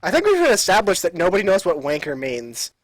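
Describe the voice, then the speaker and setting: A man's voice: sits high, wildly swooping pitch, brisk, dry recording, rough recording. Playful male co-caster, dry close sound. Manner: playful, joking, hums along. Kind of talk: casual live game commentary.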